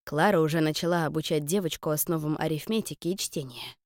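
A woman narrating a first-person audiobook in a calm, wry storytelling manner. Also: low voice, fast talker, no room sound, studio quality.

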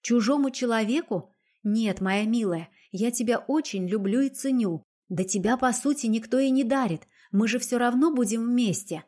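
A woman's voice: a little high, normal speed, mellow, pitched above the performer's own voice, natural voice. Woman doing a naive, lovestruck young lady. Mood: coaxing, petulant. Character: naive, lovestruck young noblewoman, childish and excitable.

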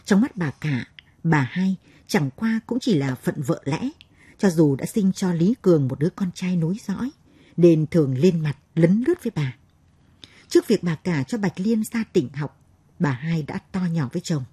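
A woman reads a novel aloud in a steady, measured narrating voice. Her tone is dark and very husky. The recording is close and dry, with no room echo. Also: on the low side. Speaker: audiobook narrator.

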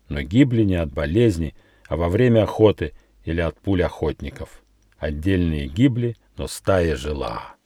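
A man voicing a proud, bitter female wild dog held captive, speaking slowly and with heavy emphasis. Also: sits low, dark tone, no echo, clean studio sound. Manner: scornful, slow and emphatic.

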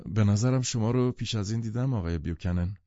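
A man's voice: on the low side, mellow, dry recording, close to an everyday voice. A male narrator voicing an eager, nervous rich host anxious to please his guests in an audiobook. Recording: dull lo-fi studio recording.

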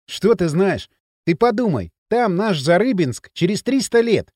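A sulky, sarcastic teenage boy, as an audiobook reader plays him, with a lively, up-and-down delivery. He talks bluntly and scoffs easily, recorded close and dry. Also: sits high, unhurried, dry recording, full character voice. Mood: thoughtful. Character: grumpy restless teenage boy Kirill. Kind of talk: audiobook character reading.

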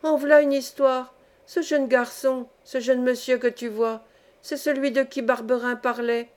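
A woman voicing a trembling, half-deaf old woman who keeps a shabby inn, exclaiming in slow laments in a storybook reading. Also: sits high, fairly even intonation. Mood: lamenting.

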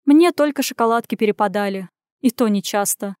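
A woman's voice: mid-range voice, a little fast, a little mellow, clean tone, dry recording, studio quality, natural voice. A woman reading an audiobook, voicing its first-person heroine, a young woman with a wry, ironic way of speaking.

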